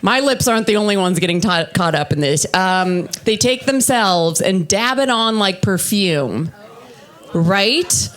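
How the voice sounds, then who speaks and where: A woman in her thirties performing live stand-up, her voice low for a woman. She delivers her set deadpan and self-deprecating, in a steady, unhurried tone. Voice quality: low, husky-toned voice for a woman. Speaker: stand-up comedian. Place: comedy festival stage.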